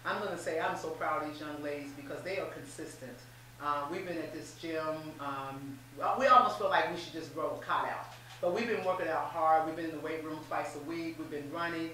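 Bright-voiced woman coach, echoey room. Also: low voice, fairly quick. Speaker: head basketball coach. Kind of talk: post-game press interview. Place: small room with posters, seated at a table. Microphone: table mic on a stand, voice picked up from off the mic. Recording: very echoey room, distant mic, faint hum.

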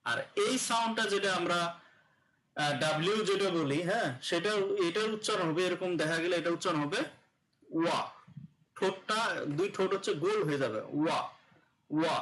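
A man leads an online pronunciation lesson in a fairly high voice. He explains slowly, repeats each sound several times and leans on fillers as he goes. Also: fairly bright tone, poor audio. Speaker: English pronunciation teacher.

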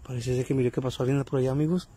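A man with a Mexican accent hosting a ghost-hunting vlog in a cemetery at night, nervously calling out questions to a spirit and speaking to his viewers in a hushed voice. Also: medium pitch, steady tone, racing, slightly rough. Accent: Mexican Spanish. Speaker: paranormal vlogger.

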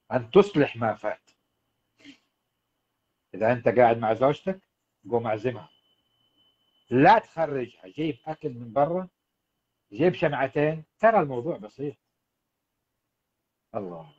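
A man's voice: medium pitch, darkish tone, dull audio. A man, a marriage coach giving earnest advice to husbands on a livestream. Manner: earnest, exhorting, addresses husbands directly. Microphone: livestream setup.

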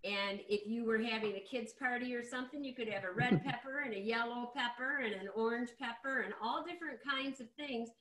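Speaking a little high and briskly with few pauses, this middle-aged woman explains a cooking demo in a relaxed, chatty way over a video call. Her tone is fairly bright. She's indoors in her home kitchen, captured by a device across the counter with an echoey, roomy quality.

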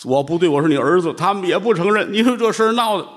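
A man playing a foolish, weeping male vegetable peddler who whines and sobs in a high voice. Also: expressive, quick pace. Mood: whiny. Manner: whining and sobbing in a high voice.

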